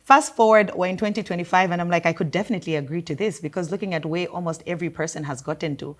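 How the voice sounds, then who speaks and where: A Zambian woman hosting a talk show, asking questions in a conversational way with a Zambian accent. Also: lowish voice. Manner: quick, conversational, lots of backchannel. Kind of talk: interview questions.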